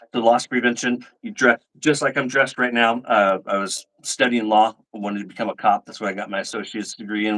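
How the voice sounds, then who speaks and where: A middle-aged man hosts a relaxed live chat from home. He tells long stories and acts out the lines of the people in them. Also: medium pitch, low-quality recording. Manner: animated, acts out quoted lines. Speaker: livestream host. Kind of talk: casual storytelling chat.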